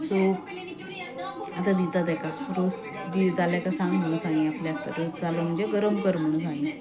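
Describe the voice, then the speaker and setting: Goan Konkani-accented woman, homely vlogger, chatty to camera, music bed under her voice. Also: lowish voice. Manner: chatty, homely, addresses viewers directly. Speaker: vlogger, mother. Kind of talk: casual chat to camera.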